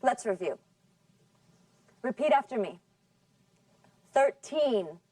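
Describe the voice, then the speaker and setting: A woman teaching an English class, speaking slowly and carefully enunciating so students can follow. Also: fairly high pitch, lively intonation, recorded from a distance, crowd noise. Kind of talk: scripted language lesson.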